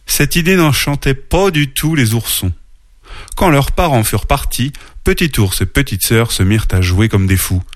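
Man reading a storybook, very expressive. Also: medium pitch, moderate pace, no room sound, clean studio sound. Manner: expressive, playful read-aloud. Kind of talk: storybook narration.

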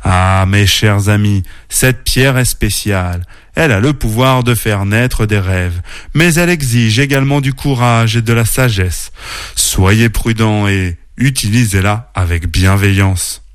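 An ancient, wise oak tree from a children's storybook, acted by a man. He drops a little lower and speaks slowly and solemnly, gentle and kindly. The recording is dry and close. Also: clear, resonant tone, no room sound, close to an everyday voice. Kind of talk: storybook character voice.

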